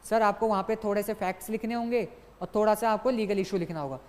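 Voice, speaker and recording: A young man teaching an online exam-prep lecture, brisk and coaxing, repeating key points and calling his students "sir" constantly. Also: high-pitched, darkish tone. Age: young adult. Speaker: exam tutor. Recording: long reverb, as in a large hall.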